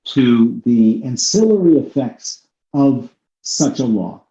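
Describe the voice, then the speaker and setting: An American man hosts a podcast interview, speaking in long, discursive, conversational turns with swings of emphasis. His voice is medium-pitched, warm and animated, and he takes his time. The recording sounds echoey and slightly dull.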